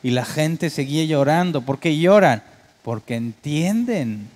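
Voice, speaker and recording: A man's voice: a little high, expressive, unhurried, a little mellow. A male pastor preaching a sermon, talking in a conversational way and often asking his congregation rhetorical questions. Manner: mimics worship keyboard sounds for comic effect.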